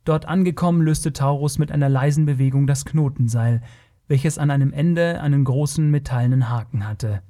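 Dark-voiced male audiobook narrator. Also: medium pitch, moderate pace. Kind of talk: scripted narration.

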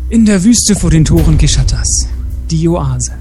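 Storyteller co-host, warm dark tone, steady read-aloud with the odd stumble. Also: male voice, a little high, a little slow, soft background music. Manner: reads steadily, with small slips and self-corrections.

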